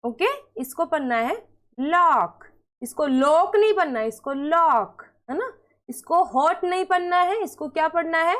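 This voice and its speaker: A woman's voice: very high-pitched, brisk. A woman teaching English pronunciation in Hindi, patiently asking questions and answering them herself. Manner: explains patiently and step by step. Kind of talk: Hindi-language English lesson.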